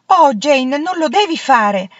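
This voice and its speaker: A woman's voice: mid-range voice, moderate pace, dry recording, pitched above the performer's own voice, lightly acted. A woman voicing an earnest, idealistic young woman teacher who speaks in an impassioned, pleading way, in a storybook reading. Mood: shocked. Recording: dull lo-fi, dry.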